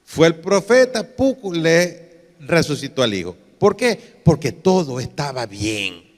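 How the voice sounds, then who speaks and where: Pastor preaching slow, voice a bit high, long hall echo. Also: male voice, sing-song. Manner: preaching with repeated affirmations and call-outs. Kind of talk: sermon. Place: church hall.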